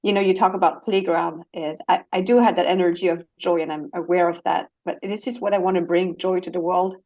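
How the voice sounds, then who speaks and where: A woman's voice: on the low side, steady tone, a little fast, darkish tone. A woman with a French accent, a guest life coach, speaking earnestly and with animation and laughing easily. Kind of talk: interview conversation.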